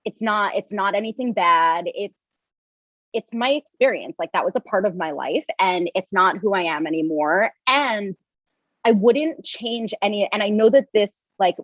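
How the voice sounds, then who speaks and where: A woman's voice: medium pitch, moderate pace, dry recording, muffled recording. A young woman talking as a podcast guest, rambling with many restarts and fillers. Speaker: podcast guest, yoga teacher and coach. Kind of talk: casual interview chat.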